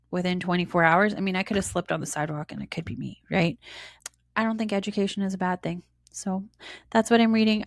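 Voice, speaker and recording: A woman's voice: mid-range voice, gravelly, no room sound, clean studio sound. A middle-aged woman hosting her own podcast, chatting in a reflective, rambling way with plenty of fillers. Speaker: podcast host. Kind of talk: casual solo podcast chat.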